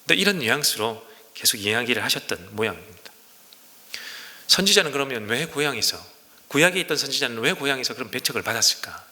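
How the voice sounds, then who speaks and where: A male pastor preaching a sermon, animated and emphatic, asking the congregation rhetorical questions. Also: mid-range voice, fast. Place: church sanctuary. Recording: long reverb of a church hall.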